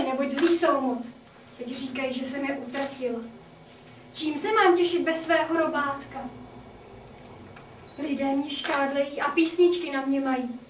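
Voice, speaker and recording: A woman's voice: high-pitched, roomy sound, recorded from a distance, a little hiss or hum, close to an everyday voice. An actress voicing a grief-stricken, half-mad young condemned woman, pleading and trembling in theatrical verse for a radio play.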